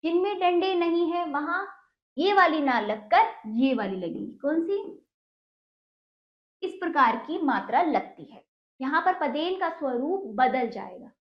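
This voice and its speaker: Patient woman teacher with a high voice, on a muffled lo-fi recording. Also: animated, measured pace, echoey room. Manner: patient, asks pupils questions and answers them. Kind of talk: children's Hindi lesson.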